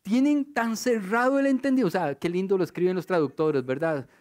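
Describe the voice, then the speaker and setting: A man preaching a sermon in a Costa Rican accent, his voice sitting high. He tells stories and presses the listener with rhetorical questions. His delivery swings from raised to hushed. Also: a little fast. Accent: Costa Rican Spanish. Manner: storytelling with rhetorical questions, shifting between loud and hushed.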